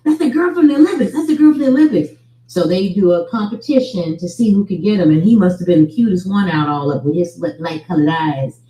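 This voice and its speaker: A woman's voice: fairly low pitch, mellow. A woman giving casual, opinionated commentary on celebrity gossip, telling it colloquially like a story. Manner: colloquial, storytelling with mimicked dialogue. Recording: roomy echo.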